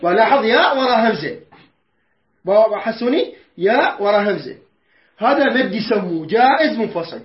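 A man teaches the rules of Quran recitation in a patient tajweed lesson. He keeps asking his students questions and slowly chants the verses he explains. The recording is dull and lo-fi, with a roomy echo. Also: sits high, sing-song. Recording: echoey room, dull lo-fi sound.

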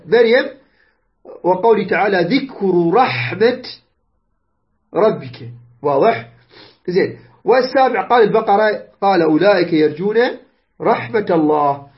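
A man's voice: high-pitched, expressive, normal speed, long pauses, dull audio. A man with an Iraqi Arabic accent teaching a classroom lesson on Quranic spelling and recitation, explaining step by step and often checking that his students understand. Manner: patient explaining, checks understanding with "clear?" and "good".

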